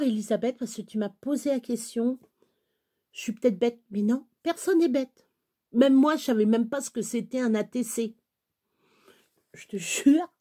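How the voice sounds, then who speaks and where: A woman's voice: fairly high pitch, warm tone. A woman in her forties chatting to her viewers in a blunt, earthy way, swinging between laughter and tears. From France. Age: 40s. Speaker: crafting vlogger. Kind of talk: casual chat to camera.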